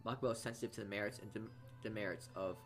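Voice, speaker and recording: With game music playing, a man with a fairly low, evenly intoned voice reads a visual novel's narration and adds casual remarks as a let's player. He's a halting reader who frequently stumbles and repeats words.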